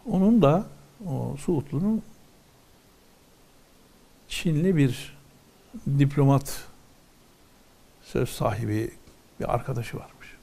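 A man's voice: medium pitch, sing-song, slow pace, creaky, long pauses, dark tone, slightly rough. A man teaching from a religious text, reading ornate old wording aloud and then explaining each phrase in plain words.

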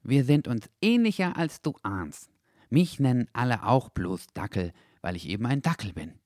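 Male actor as a small proud dachshund: high, bouncy, excitable, storybook audio. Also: moderate pace, dry recording, studio quality, natural voice. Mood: gleeful.

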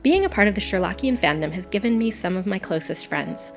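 A woman reads her own essay aloud with earnest, enthusiastic warmth for her subject. Her voice carries a gravelly fry at the ends of phrases. Music plays clearly underneath her the whole time. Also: medium pitch, animated, fairly quick. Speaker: guest podcaster. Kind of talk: reading a personal essay. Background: background music.

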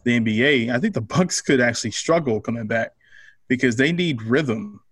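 A man co-hosting a casual sports podcast, talking through his predictions in a relaxed, analytical way with loose phrasing and fillers. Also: mid-range voice, normal speed, husky, dry recording. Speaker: podcast co-host.

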